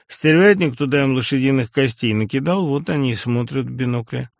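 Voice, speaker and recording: A man's voice: mid-range voice, creaky, no echo, studio quality, natural voice. A man reading an audiobook and voicing a servile male underling who pleads and fawns before his boss. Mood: confiding. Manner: pleading and fawning, quick excuses.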